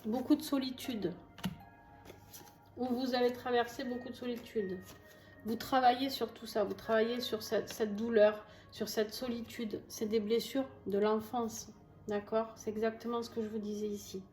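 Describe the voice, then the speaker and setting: Southern french lady doing a tarot reading, chatty, reassuring, kinda high voice, echoey room. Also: steady tone, moderate pace, darkish tone. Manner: chatty, reassuring, frequent fillers and asides. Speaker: tarot reader. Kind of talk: casual tarot reading to camera. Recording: echoey room with faint music.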